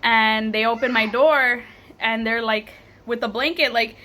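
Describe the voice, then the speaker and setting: A young woman vlogger telling a story animatedly, laughing often and acting out what people said. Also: measured pace. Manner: animated, laughs often, acts out quotes in higher voice. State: tearful at moments. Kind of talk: casual storytime vlog.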